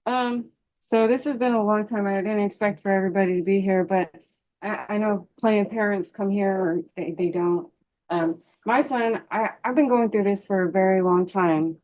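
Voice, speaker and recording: A middle-aged woman giving informal, halting testimony as a witness in a courtroom. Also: medium pitch, darkish tone, poor audio. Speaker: witness, defendant's mother.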